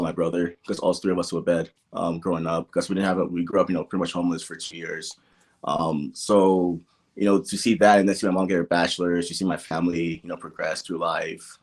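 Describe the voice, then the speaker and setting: As a guest on a podcast, a young man tells personal stories casually, sprinkling in "like" and "you know." Born in Nigeria and brought up in the American Midwest, he has a low-pitched voice that is creaky and slightly rough.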